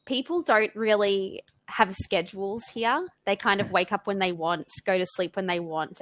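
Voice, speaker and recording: A woman's voice: mid-range voice, fairly bright tone, dry recording. Young aussie woman chatting on a video call, easygoing, dry close sound. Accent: Australian. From Australia. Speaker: interviewee. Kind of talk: casual video call conversation.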